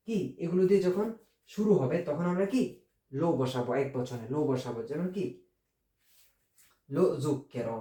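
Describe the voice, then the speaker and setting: Guy teaching italian, keeps asking questions and answering them, bit high voice, echoey room. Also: warm tone. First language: Bengali. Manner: explains step by step with many rhetorical questions; repeats words slowly for drilling. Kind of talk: informal online language lesson.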